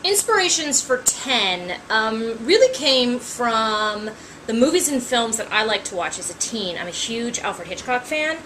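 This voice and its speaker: A woman's voice: fairly high pitch, very animated, unhurried, loud music behind the voice, poor audio. A woman in her thirties, an author, talking casually to camera, chatty with frequent ums and wry asides. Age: 30s.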